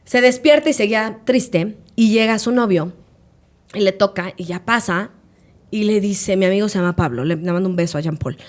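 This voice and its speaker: A woman's voice: medium pitch, normal speed. A Mexican woman in her late thirties, a podcast co-host, telling stories in a casual chat and acting out the people she quotes. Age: late 30s. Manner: animated, acts out quoted voices.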